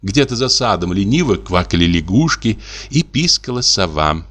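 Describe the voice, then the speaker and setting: Low-ish guy reading a classic story aloud, lots of pitch movement, measured. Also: big pitch swings, fairly bright tone. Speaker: audiobook narrator. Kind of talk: literary narration.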